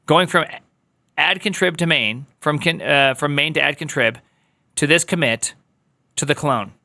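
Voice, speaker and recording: A man with a bright, forceful voice pitched a little high leads a live coding walkthrough. He talks through each command as he types, tossing playful asides to his viewers and jumping even higher when he teases. Keyboard clatter sits behind him. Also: measured pace, gravelly. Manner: playful, joking asides to chat, jumps high when teasing. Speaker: coding instructor.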